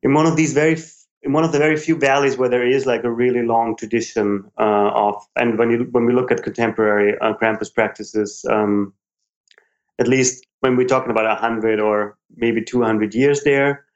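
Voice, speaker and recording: A man's voice: mid-range voice, fairly even intonation, normal speed, muffled recording. A man with an Austrian German accent, speaking as an interview guest who restarts phrases while searching for words. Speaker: ethnographer. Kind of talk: casual interview.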